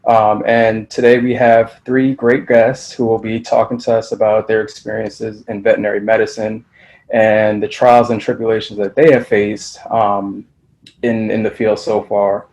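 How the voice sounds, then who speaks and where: Young man, veterinary student, panel moderator, monotone, hesitant, video call. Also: lowish voice, normal speed, rough recording. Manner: hesitant, many fillers.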